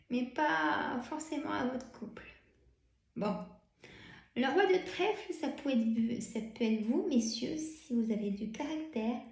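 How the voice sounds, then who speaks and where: A tired woman with a Burgundy French accent, chatting as she reads tarot cards, full of fillers and soft laughs. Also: high-pitched, animated, takes it slowly, creaky, echoey room. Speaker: tarot card reader. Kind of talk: casual card-reading video.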